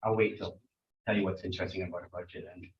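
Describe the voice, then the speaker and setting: A man, a town recreation director, presents his budget at a council workshop, talking haltingly with many ums and restarts. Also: sits low, flat delivery, a little hiss or hum. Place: town meeting room. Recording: echoey meeting room, muffled sound.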